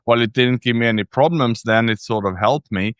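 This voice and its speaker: A man from Sweden, a native Swedish speaker, talking in English as a podcast guest, telling his story reflectively with frequent pauses and restarts. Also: mid-range voice, smooth, no room sound, studio quality. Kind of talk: casual interview storytelling.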